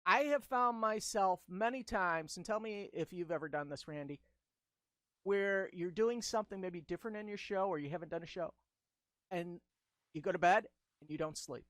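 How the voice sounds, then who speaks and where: A middle-aged man hosts a casual chat over video call, working through his list in a chatty, enthusiastic way. His voice is high-pitched, squeaky and a bit bright, his pace moderate, and there is no room sound.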